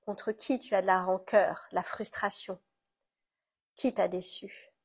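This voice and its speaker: A woman with a French accent guiding a tapping session, gently coaching the listener through each step. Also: mid-range voice, steady tone, measured pace, breathy edge. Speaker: EFT tapping guide.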